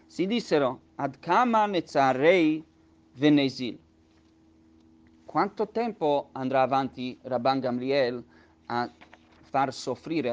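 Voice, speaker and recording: A man teaching a lesson on a religious text. He reads each phrase in Hebrew and then explains it at length, with many patient restatements. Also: mid-range voice. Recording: dull lo-fi recording.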